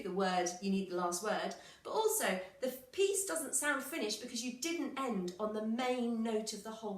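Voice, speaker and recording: A woman's voice: a little high, reverberant. A woman music teacher giving a patient, encouraging recorder lesson, counting aloud and singing examples.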